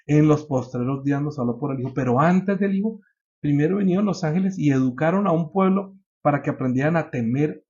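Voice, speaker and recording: A man preaching with a fairly high voice that keeps climbing to emphatic peaks, then drops low to draw the listener in. He often turns to his congregation with questions as he teaches. The sound is dull and lo-fi. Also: mellow. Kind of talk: sermon.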